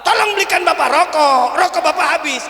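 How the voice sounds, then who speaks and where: A man's voice: extremely high pitch, level tone, normal speed, gravelly, sharp tone, heavily acted. A man voicing a rich, demanding boss who calls for his servant to run errands. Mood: bossy. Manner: bossy, calling out. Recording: echoey hall with long reverb.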